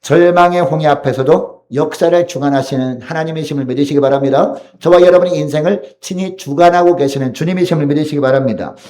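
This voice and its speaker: A young male preacher delivers a sermon and then a closing prayer. He speaks to the congregation directly, posing question after question. His voice is mellow and dark in tone. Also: medium pitch. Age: young adult. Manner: addresses the congregation with many rhetorical questions.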